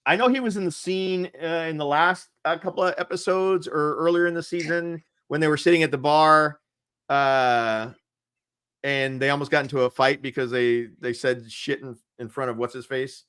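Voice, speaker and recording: A man co-hosts a casual chat with a candid, rambling delivery. He fills pauses freely and breaks into laughter mid-sentence. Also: on the high side, a bit bright, smooth. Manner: rambling and candid, with frequent fillers; laughs often while talking. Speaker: co-host.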